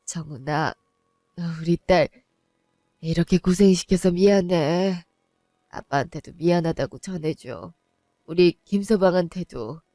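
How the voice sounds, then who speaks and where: A woman voicing a frail old mother on her deathbed, speaking faint, low and soft in a one-voice audio drama. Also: unhurried, pauses often, no room sound, clean studio sound, faint music behind. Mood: fading. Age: older. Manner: faint, breathy whisper-soft. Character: frail, dying older mother.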